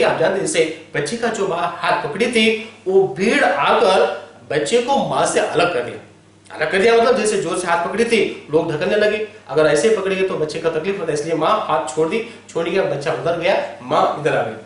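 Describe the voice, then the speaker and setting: A man's voice: a little high, fairly quick. A man teaching a college Hindi class online, telling a story at length and constantly checking in with his listeners. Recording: very echoey room, voice from far off.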